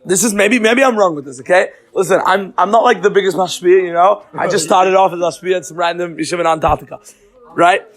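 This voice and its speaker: A man's voice: high voice, fast talker. A young man hosting a comedic podcast, rambling through a rant with restarts and sprinkled Yiddish and Hebrew terms. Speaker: podcast host.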